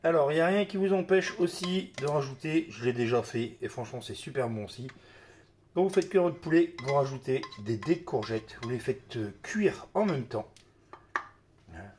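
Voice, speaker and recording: This man hosts a cooking video with a slight cold, his medium-pitched voice expressive and a little dark, at a normal speed. He chats casually while working, using lots of "hop" and "hein," against clattering dishes and a slight hiss or hum.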